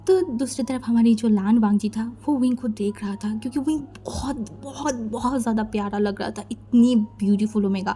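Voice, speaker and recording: A woman's voice: fairly high pitch, warm tone. A woman casually narrating a fan fiction story in a chatty, conversational way. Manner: chatty, conversational, mixing in English words.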